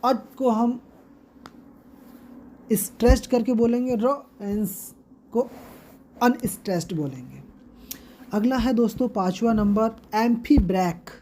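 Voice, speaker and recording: Indian woman teacher, talks really slow, says every word twice. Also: on the high side, warm tone, a little hiss or hum. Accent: Indian English. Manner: slow, repeating each term for students. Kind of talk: exam-prep lesson.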